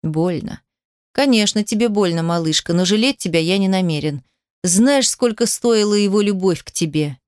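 A woman voicing a cold, domineering rich young man in an audiobook, lowering her voice to a taunting, mocking drawl. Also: normal speed, darkish tone, no echo, clean studio sound, lightly acted.

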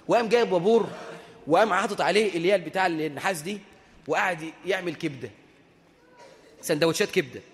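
A man's voice: high-pitched, long reverb tail. A man with an Egyptian Arabic accent preaching a sermon, telling a story with humor and asking the audience rhetorical questions.

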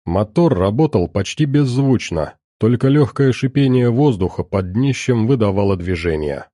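Low dark-voiced male narrator. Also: expressive, moderate pace, no room sound, studio quality. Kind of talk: scripted audiobook narration.

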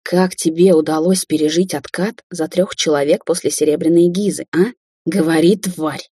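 A woman's voice: lowish voice, expressive, a little fast, mellow, slightly rough, no room sound, clean studio sound. A woman voicing a smug, cruel adult sorceress in an audiobook, theatrical and mocking, sliding into hissed threats. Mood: vicious.

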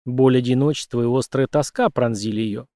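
A man narrating an audiobook in a steady, even reading voice. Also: mid-range voice, brisk, no room sound, studio quality. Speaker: audiobook reader. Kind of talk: scripted narration.

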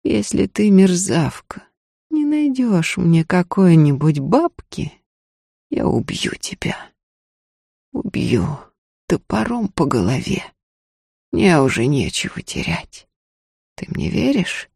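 Brief: high shrill hysterical noblewoman, bitter and volatile, put on by a woman reader, dry close audiobook read. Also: moderate pace, dry recording, natural voice. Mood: cold menace. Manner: shrill, screaming, sobbing outbursts.

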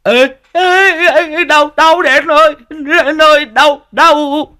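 A high, jittery young lad, forever whining and stammering through his words, as a storyteller puts him on. His voice leaps all over the place and never sits still. It is a loudmouthed sidekick in a spoken ghost story. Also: lively intonation, normal speed. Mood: howling in pain. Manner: whiny, stammering, chatty.

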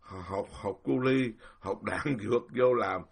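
An older Buddhist monk with a Southern Vietnamese accent talks casually with a gravelly, husky voice. He sounds indignant and rambling, stumbling over repeated words and laughing now and then. It is an informal spoken dharma talk. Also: fairly low pitch, slow pace.

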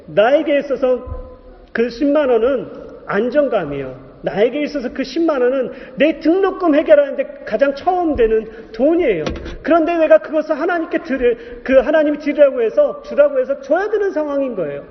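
A man in his thirties, a pastor preaching a testimony, telling his story in an animated way and acting out the voices in it. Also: very high voice, fairly quick. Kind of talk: sermon testimony. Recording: dull echoey hall recording.

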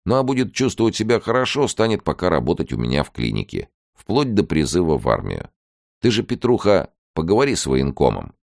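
A man's voice: low-pitched, huge pitch swings, fairly quick, gravelly, darkish tone, no echo, studio quality, pitched above the performer's own voice, full character voice. A man doing an eager, persuasive professor. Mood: pleading. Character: earnest male professor, a doctor.

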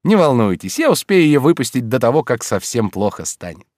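A man's voice: medium pitch, very animated, fairly quick, darkish tone, no room sound, studio quality, pitched above the performer's own voice, close to an everyday voice. A man voicing a dreamy, eccentric middle-aged male art teacher who drawls each word blissfully.

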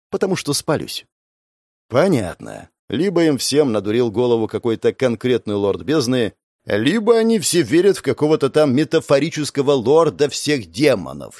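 A man narrating a first-person audiobook in a sardonic, expressive way, with frequent swearing. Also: a little high, dry recording, clean studio sound.

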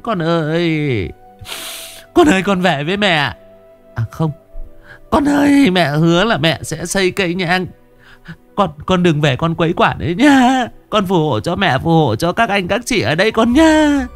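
A man voicing a terrified middle-aged village mother who wails and pleads in a shrill voice. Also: sing-song, a little slow, faint music behind, full character voice. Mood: wailing.

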